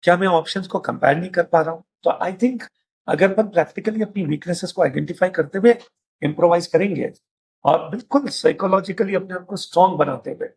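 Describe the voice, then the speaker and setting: Gravelly man addressing students. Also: high-pitched, a little fast, darkish tone. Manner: mixes Hindi with English phrases, addresses students directly. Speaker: host. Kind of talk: casual panel discussion.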